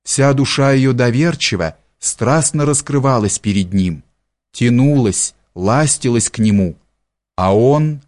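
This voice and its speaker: Male audiobook narrator, measured and expressive classic prose reading, mid pitch. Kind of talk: scripted literary narration.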